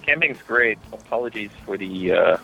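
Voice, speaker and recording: A man with a very low, bright, sharp voice calls in to the podcast over a phone line. He chats casually from a campsite and jokes about roughing it. Faint guitar music plays behind him. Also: normal speed. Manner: relaxed, joking about roughing it. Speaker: podcast co-host. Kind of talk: casual chat. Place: calling in from a campsite.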